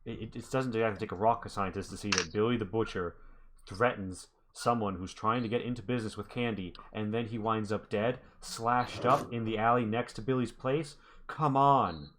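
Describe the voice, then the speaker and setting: A man's voice: fairly low pitch, fairly even intonation, normal speed, background noise, natural voice. A man playing a wary, blunt, protective townswoman who talks defensively in a tabletop game. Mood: bitter, blunt. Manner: blunt, defensive, hesitant starts.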